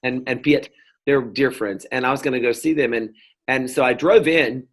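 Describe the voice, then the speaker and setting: A man's voice: mid-range voice, normal speed. A middle-aged man from North Carolina, talking as an interview guest in a rambling, casual way, with many fillers and restarts. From North Carolina, US South. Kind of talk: casual conversation.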